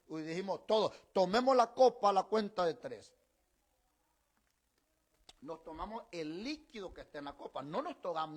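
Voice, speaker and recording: A middle-aged man preaching from the pulpit, his voice pitched high for a man. He swings widely in pitch, chatting and joking with his flock, then rises into emphatic declarations. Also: slightly rough. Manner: conversational preaching with teasing asides to the congregation. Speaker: pastor. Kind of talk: sermon.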